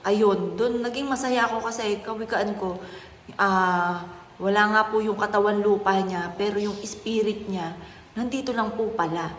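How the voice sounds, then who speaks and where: A woman, a mother telling a personal story in a soft, earnest, polite way. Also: mid-range voice, normal speed. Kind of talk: casual vlog talk. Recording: echoey room with faint noise.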